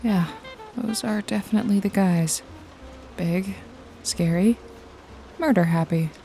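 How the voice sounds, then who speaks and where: Over jazzy music and the sound of rain, a woman voices a wry detective and hired killer in noir ASMR, talking intimately to the listener. Her voice is warm, mid-range, close to everyday speech, and a little slow. She comes across as watchful and matter-of-fact, yet sardonic, foul-mouthed, nonchalant, and teasing, with an offhand menace.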